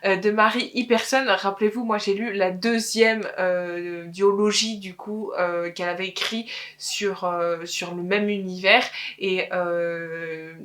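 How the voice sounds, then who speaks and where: A woman's voice: mid-range voice, steady tone, measured pace, a bit bright. A woman co-hosting a book channel, chatting casually about book editions, rambling with many fillers and self-corrections.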